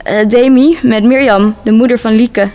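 A woman's voice: on the high side, steady tone, normal speed, warm tone, long reverb tail, lightly acted. A woman voicing a flustered middle-aged mother who speaks hesitantly and hurriedly. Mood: anxious.

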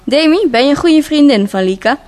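A woman voicing a calm, friendly male police detective in his fifties. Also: high-pitched, moderate pace, pitched above the performer's own voice.

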